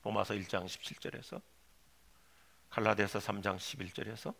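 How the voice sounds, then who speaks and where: A male pastor preaching a sermon, dropping to low quiet asides and rising to shouted, pleading cries. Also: little pitch movement, a little fast, gravelly. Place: church sanctuary.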